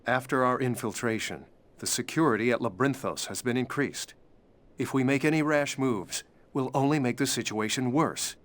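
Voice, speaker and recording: An actor playing a serious, restrained elder brother who is quietly worried, in a game cutscene. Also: male voice, mid-range voice, moderate pace, natural voice. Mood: stern. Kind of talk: dramatic game cutscene acting. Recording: loud music behind the voice.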